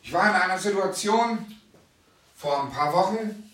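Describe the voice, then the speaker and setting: Preacher guy giving a sermon, kinda high voice, repeats stuff slow and loud, sounds far from the mic. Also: lively intonation. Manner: emphatic, repeats phrases slowly and loudly for stress. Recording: echoey room, mic at a distance.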